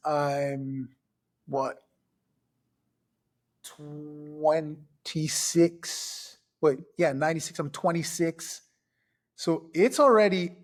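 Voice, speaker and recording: Man in his fifties telling fight stories. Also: on the high side. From Trinidad. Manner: lively, recounts events step by step. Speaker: podcast guest. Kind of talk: casual storytelling.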